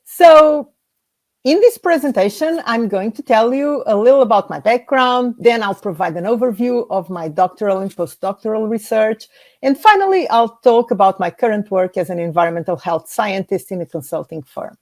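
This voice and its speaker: A woman from Portugal, a scientist, giving a prepared slide presentation in a measured way, reading through lists. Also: fairly high pitch, animated, darkish tone.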